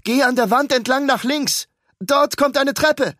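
An anxious young man, voiced by a male narrator, shouts upward in a high, strained voice. The calls are loud and urgent, pitched well above the narrator's own voice. The sound is dry and close. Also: measured pace, dry recording, exaggerated voice. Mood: urgent calling.

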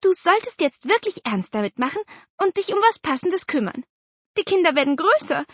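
A woman voicing a brisk, bossy middle-aged aunt who talks emphatically, in a storybook reading. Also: extremely high pitch, very animated, a bit bright, dry recording, pitched above the performer's own voice, heavily acted. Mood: scolding. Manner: emphatic, scolding. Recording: slightly dull dry recording.

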